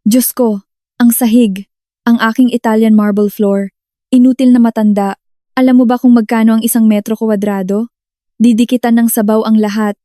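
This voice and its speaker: A woman's voice: a little high, steady tone, normal speed, mellow, dry recording, clean studio sound, lightly acted. A woman voicing a greedy older mother-in-law who screeches with contempt. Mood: shrill scolding.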